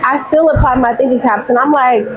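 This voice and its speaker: A woman whose first language is Spanish, from Puerto Rico, talking in a casual, expressive way as a hairstylist guest, calling the listener "girl". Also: high-pitched, a little fast, noisy background. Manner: chatty and expressive, calls the listener "girl" and "babe". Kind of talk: casual chat.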